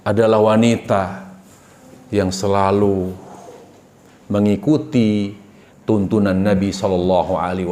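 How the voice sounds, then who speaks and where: A man from Indonesia giving a sermon, animated and asking the congregation questions. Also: on the low side, echoey room, slight background noise. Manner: animated, asks the audience questions. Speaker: preacher.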